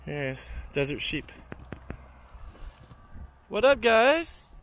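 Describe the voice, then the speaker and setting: This vlogger has a high, fairly bright voice with a sing-song lilt and drawn-out words. Recording outdoors and on a train, he chats casually and thinks aloud, guessing at things and occasionally cursing, over noisy handheld travel ambience.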